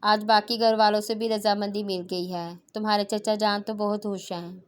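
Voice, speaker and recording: A woman's voice: mid-range voice, moderate pace, natural voice. Woman reading as a firm middle-aged mother. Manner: calm, dismissive, firm.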